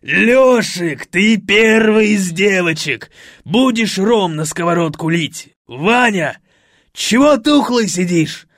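Brief: rowdy loud reveller, a man voicing him, drawling and yelling. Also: high-pitched, animated, no room sound, clean studio sound, voice pushed up, heavily acted. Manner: shouting, drawn-out exclamations. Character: wild, boisterous party-loving man, rowdy host type.

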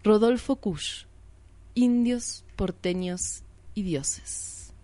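A woman's voice: mid-range voice, dark tone, no room sound. Dry, close woman reading for radio. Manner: measured, reflective, posing and answering her own questions. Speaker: radio art show host. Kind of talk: slow literary reading for radio.

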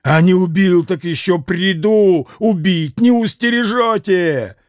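A man's voice: high-pitched, slow, no echo, clean studio sound. A man voicing a hot-tempered, violent young man who bursts out in heavy, gasping, vehement lines. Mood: furious.

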